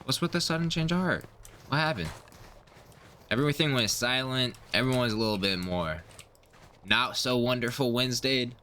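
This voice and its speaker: A young man streaming live, making animated callouts to his teammates and laughing often as he plays. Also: medium pitch, normal speed, long pauses, slight background noise. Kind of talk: live gaming stream commentary.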